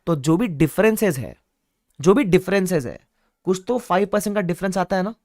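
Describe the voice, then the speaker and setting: A man's voice: high-pitched, normal speed, a little mellow, dry recording, clean studio sound. A man teaching an online class, repeating key points with playful asides. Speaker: online exam-prep teacher. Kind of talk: lively classroom lecture.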